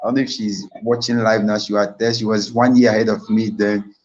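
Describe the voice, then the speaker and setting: A man's voice: lowish voice, level tone, brisk, dull audio. A young man with a Nigerian accent giving a motivational talk on a live stream, telling his own story earnestly and repeating key points to his audience. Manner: earnest, repetitive storytelling, addresses the audience directly. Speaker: invited speaker.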